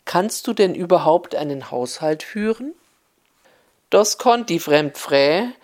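A woman's voice: lowish voice, darkish tone. A woman with an Upper Hessian dialect accent, telling a fairy tale in a homely storytelling manner.

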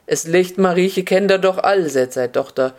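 A storyteller reading a tale in Upper Hessian dialect, drawing out key words slowly. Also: mid-range voice, a little mellow.

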